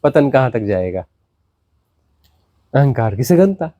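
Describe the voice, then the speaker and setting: A man's voice: big pitch swings, takes it slowly, dark tone. A man, a spiritual teacher, gives a satsang discourse, repeating words and asking rhetorical questions. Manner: repetitive, rhetorical questions, dramatic swings of pitch.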